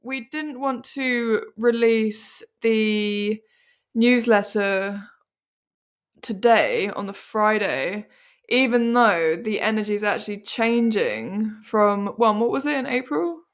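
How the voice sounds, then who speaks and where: A woman's voice: mid-range voice, takes it slowly. A young British woman co-hosting a podcast, chatting casually and rambling with frequent laughter. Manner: giggly, rambling, often laughs mid-sentence. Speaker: podcast co-host. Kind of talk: casual chat.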